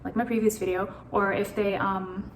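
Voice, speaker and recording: A woman's voice: mid-range voice, flat delivery, moderate pace, echoey room, slight background noise. A woman vlogging casually on a phone camera, anxious and rambling, swearing now and then. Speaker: beauty vlogger. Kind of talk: casual chat.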